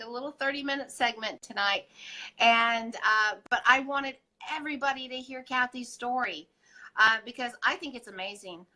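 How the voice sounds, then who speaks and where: A woman's voice: a little high, pushed and bright, poor audio. A woman hosting a live wellness show, chatting casually and gushing with enthusiasm. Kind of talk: casual live-stream chat.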